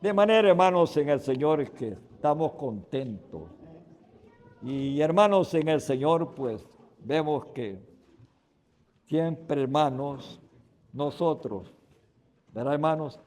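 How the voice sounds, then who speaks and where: A man's voice: fairly high pitch, lively intonation, slow pace, pauses often. A man preaching a Sunday sermon as a guest preacher. He speaks in emphatic bursts and keeps calling out to his "brothers" with a questioning "right?" after almost every phrase. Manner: emphatic preaching with sudden loud stresses. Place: church sanctuary. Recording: long reverb of a church hall.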